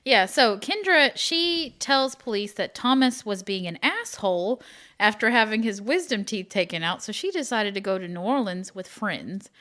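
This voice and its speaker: A woman from Oklahoma co-hosts a true-crime podcast in casual chat. Her voice sits at an ordinary middle pitch, and she drifts into rambling personal asides before steering back to the case. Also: bright, forceful tone. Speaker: podcast co-host.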